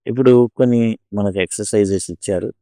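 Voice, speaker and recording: A man explaining an English lesson, slowing down and stretching example words to show how they sound. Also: on the low side, steady tone, warm tone, no echo, clean studio sound. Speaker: English lecturer.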